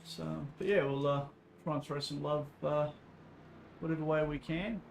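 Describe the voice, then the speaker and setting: An Australian man livestreams himself in an online endurance sim race, commentating in a laid-back, blokey, matey way. His voice is fairly high and steady with vocal fry, at a moderate pace, and there's some background noise.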